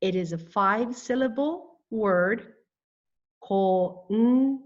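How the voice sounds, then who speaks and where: A woman teaching a language lesson, speaking slowly and deliberately and spelling out words syllable by syllable. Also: a little high, expressive, a little mellow, lo-fi sound. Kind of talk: scripted lesson narration.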